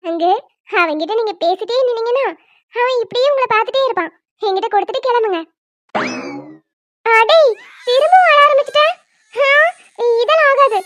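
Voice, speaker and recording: Squeaky high doting auntie cartoon gal, a woman doing her, coos baby talk at a crying baby. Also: animated, moderate pace, long pauses, fairly bright tone, no room sound. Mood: coaxing. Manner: coaxing, sing-song baby talk. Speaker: cartoon voice actor. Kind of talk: homemade cartoon dubbing.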